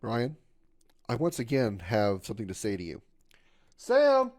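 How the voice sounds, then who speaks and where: A mid-thirties streamer talks casually to his viewers while gaming, his ordinary middle-pitched voice swinging hugely in pitch, a little slow and a little mellow. Glum and self-deprecating, he rambles, circles back over the same points, and repeatedly stumbles over his words.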